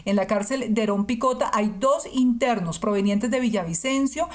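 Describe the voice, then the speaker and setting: A female news reporter reads a scripted story in a clear, even delivery. Her voice is a little higher than usual for a woman. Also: normal speed.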